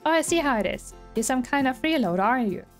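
A woman's voice: sits high, expressive, a little fast, soft background music, voice pushed up. A woman reading the lines of a haughty, sneering male soldier from a game. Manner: sneering, lecturing. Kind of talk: reading game dialogue aloud.

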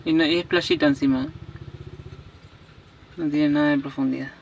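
A man's voice: fairly high pitch, fairly even intonation, moderate pace, creaky, recorded from a distance, highs cut off. A young man with an Argentine accent, chatting casually as he films a trip to a lake. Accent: Argentine Spanish. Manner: chatty, asks questions, talks to a dog. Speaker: vlogger. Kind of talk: casual travel vlog. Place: outdoors by a lake, then inside a van. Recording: faint outdoor noise.

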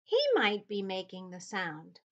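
A woman reading the lines of an eager young girl who leads the search in a storybook, in a slow, expressive storybook delivery. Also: medium pitch, lo-fi sound, natural voice.

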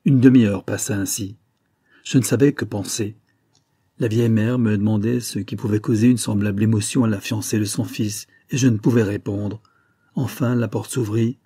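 Low, husky male audiobook reader. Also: dark tone, dry recording, studio quality. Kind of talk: literary narration.

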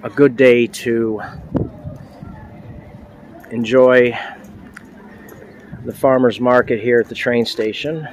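A man's voice: mid-range voice, fairly even intonation, slow pace, pauses often, a little hiss or hum. A man in his thirties casually narrating a walking tour outdoors at a train station, filming with a handheld phone and chatting as he points things out. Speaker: vlogger.

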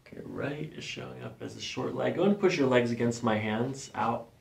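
With a gravelly, medium-pitched voice and a normal speaking speed, a male chiropractor in his thirties talks a patient through an examination. In his small office he explains what he finds calmly and reassuringly, keeping it matter-of-fact.

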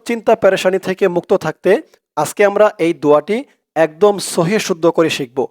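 Bangladeshi male teacher, smooth ringing voice, patient letter-by-letter recitation lesson. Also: high voice, a little mellow, dry recording, clean studio sound. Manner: slow, drawn-out recitation of each word, then plain explanation. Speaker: Quran and dua teacher. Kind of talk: spelling out and reciting an Arabic prayer for viewers.

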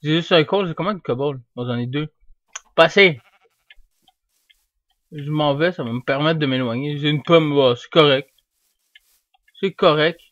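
A young man giving casual, rambling commentary while he plays, getting excited and yelling at the game now and then. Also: on the high side, moderate pace, long pauses, dry recording. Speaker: gamer. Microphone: desk microphone. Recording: dull, dry home mic.

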